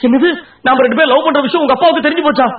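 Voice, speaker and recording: A sarcastic video shop owner. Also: male voice, extremely high pitch, recorded from a distance, a little hiss or hum. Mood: puzzled. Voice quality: sarcastic, quick-witted. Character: wisecracking male video shop owner, teasing. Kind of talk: comedy film dialogue. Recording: tinny lo-fi echoey film audio.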